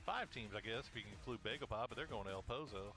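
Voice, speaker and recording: A man giving live esports play-by-play as a caster, relaxed and full of filler pauses. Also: on the low side. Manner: relaxed, uses many filler uhs. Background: music.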